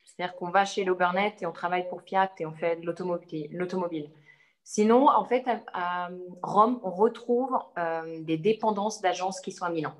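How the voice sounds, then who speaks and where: A woman's voice: lowish voice, normal speed. A young woman from the Savoie region of France, talking casually as an interview guest, hesitant and full of fillers and restarts. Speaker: interview guest, advertising creative.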